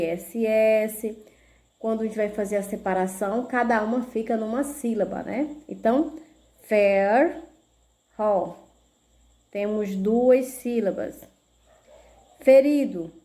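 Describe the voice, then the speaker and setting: Slow, patient Brazilian woman teacher. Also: medium pitch, mellow. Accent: Brazilian Portuguese. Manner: slow, patient, spelling out syllables; checks in with tag questions. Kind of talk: video lesson.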